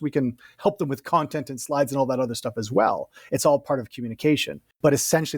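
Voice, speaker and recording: Brisk, lively communication coach, man. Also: medium pitch, breathy edge, no echo, clean studio sound. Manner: lively, explanatory, quick bursts and laughs. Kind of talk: casual interview talk.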